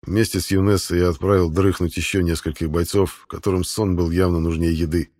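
Very deep-voiced male narrator. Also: level tone, fairly quick, a little mellow. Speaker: audiobook narrator. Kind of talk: scripted narration.

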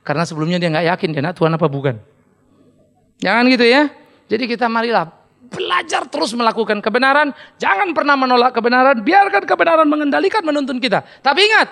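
A man preaching in a church with a high, gravelly voice. He keeps it loose and funny, slipping into little acted-out quotes. The tone is chatty rather than formal. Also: expressive, quick pace, a bit bright. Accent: Indonesian. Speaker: pastor. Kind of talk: sermon.

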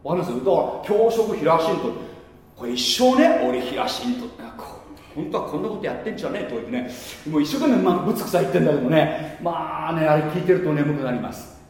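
A man's voice: a little high, animated, fast, a little mellow. A man preaching a sermon as pastor, mixing casual asides with rhetorical questions to the congregation. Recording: echoey hall recording.

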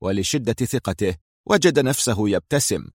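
A man narrating a spy thriller audiobook in a steady storytelling manner. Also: lowish voice, moderate pace, husky, no room sound, studio quality. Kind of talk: scripted narration.

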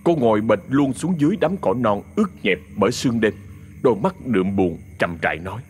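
A man narrating an audio ghost story in an expressive, dramatic storytelling manner. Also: lowish voice, brisk, faint music behind.

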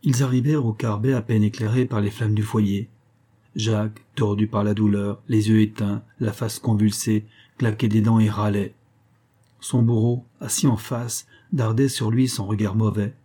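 A man narrating an adventure novel as an audiobook, in a measured, dramatic way. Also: lowish voice, little pitch movement, mellow.

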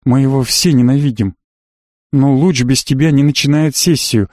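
A man as a quiet, earnest young man. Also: medium pitch, normal speed, no room sound, studio quality, natural voice.

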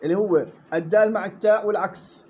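A man teaching Quran recitation rules. He models the words slowly and quizzes his students. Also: high voice, a little mellow, a little hiss or hum. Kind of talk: tajweed lesson.

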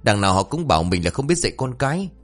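Nagging middle-aged wife, sharp tongue; male storyteller doing the voice. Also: mid-range voice, big pitch swings, quick pace, faint music behind. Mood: scolding. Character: irritable middle-aged woman, scolding wife.

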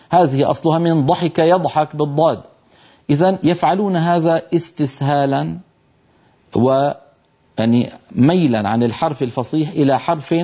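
A mellow, warm-toned older man gives a televised recitation lesson, laying out each point clearly and voicing every letter he describes. The sound is dull and lo-fi, like an old broadcast. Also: medium pitch. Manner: explanatory, demonstrates letter sounds aloud. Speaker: Quran recitation teacher.

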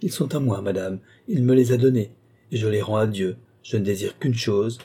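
A man's voice: lowish voice, normal speed, warm tone, breathy edge. A man reading an audiobook, voicing a terrified, pleading young woman. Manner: pleading, frightened.

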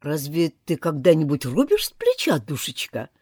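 A woman's voice: deep voice, huge pitch swings, normal speed, darkish tone, breathy edge, dry recording, pitched below the performer's own voice, heavily acted. A woman voicing a pompous, fussy king in a storybook reading, in a dry recording. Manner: fussy, triumphant, self-satisfied. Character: blustering pompous male king.

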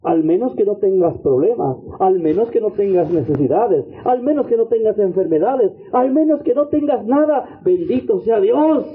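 A man's voice: expressive, moderate pace, few pauses, slight background noise. A man preaching a fervent sermon as a missionary, leading the congregation in repeated prayer invocations. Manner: fervent preaching, repeated invocations, swings between low and high pitch. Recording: tinny phone-like audio.

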